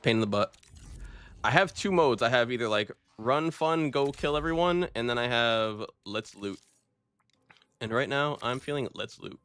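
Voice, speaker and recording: A man's voice: medium pitch, expressive, moderate pace, a bit bright, clean tone, no room sound. A man streaming a shooter game, chatting casually and laid-back, throwing in "bro" and "dude.". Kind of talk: casual gameplay commentary.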